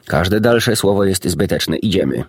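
A man voicing a calm, kindly middle-aged doctor who speaks in a measured, restrained way. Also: low voice, breathy edge, no echo, studio quality, heavily acted.

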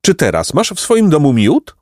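A man's voice: a little high, wildly swooping pitch, normal speed, darkish tone, dry recording, studio quality, voice pushed up. A man doing a sly, wheedling lazy creature. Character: lazy, sly young male creature, coaxing.

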